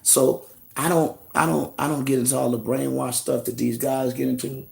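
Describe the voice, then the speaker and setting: A man hosting a live stream, talking in an animated, casual preaching manner and calling listeners "family.". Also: mid-range voice, moderate pace, creaky, slight background noise.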